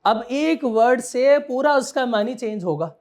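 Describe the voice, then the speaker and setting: A man's voice: very high-pitched, lively intonation, measured pace, darkish tone. A man giving a classroom law lecture, quizzing students and repeating his key points.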